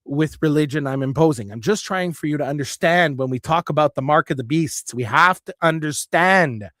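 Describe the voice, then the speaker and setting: A man's voice: on the high side, moderate pace, a bit bright, no echo, clean studio sound. A man hosting his own show, talking through a subject in an earnest, rambling monologue full of restarts. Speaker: show host. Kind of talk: spoken monologue.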